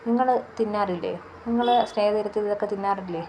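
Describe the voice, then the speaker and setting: A woman's voice: medium pitch, fast talker, dark tone, slight background noise, pitched above the performer's own voice, lightly acted. A woman voicing an earnest young woman who works in the household and speaks politely and eagerly.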